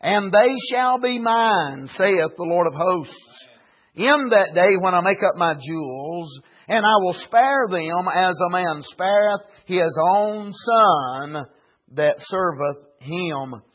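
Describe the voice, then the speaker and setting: A preacher in his forties speaks with a high, husky voice. He keeps an old-time pulpit cadence, punctuating his points with amens. The recording sounds dull and muffled. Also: animated, takes it slowly. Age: 40s. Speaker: pastor. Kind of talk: sermon.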